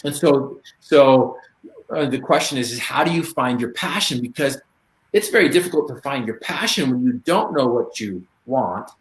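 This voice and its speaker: A man giving a motivational talk as a guest speaker, lively and storytelling, acting out bits of dialogue. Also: medium pitch. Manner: animated storyteller, acts out dialogue in quick voices. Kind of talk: motivational talk on a live stream. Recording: echoey room.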